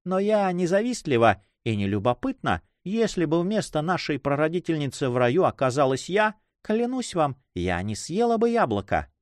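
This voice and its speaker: A man voicing a quick-witted, mischievous young noblewoman who teases and laughs at the lovers. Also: fairly high pitch, no room sound, clean studio sound, voice pushed up. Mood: teasing. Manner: mocking, laughing, lively.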